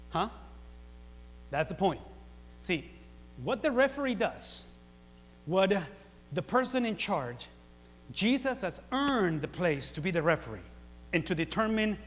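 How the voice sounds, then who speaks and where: A man preaching a sermon, chatty and full of rhetorical questions, swinging from quiet asides to loud emphatic peaks. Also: high voice, big-room sound, slight background noise. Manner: conversational, with rhetorical questions and repeated phrases.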